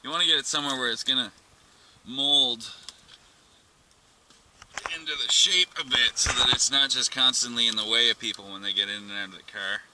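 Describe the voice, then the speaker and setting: A mid-range male voice moves briskly but leaves long pauses while he informally talks himself through fitting a radio in a car for his vlog. Background clicks and car-interior noise run throughout.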